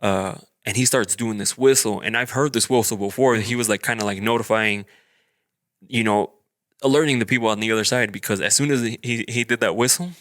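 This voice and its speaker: A man's voice: lowish voice, a little fast, fairly bright tone, no room sound, studio quality. A man, a podcast co-host, telling a story in casual chat and acting out quotes in a raised voice.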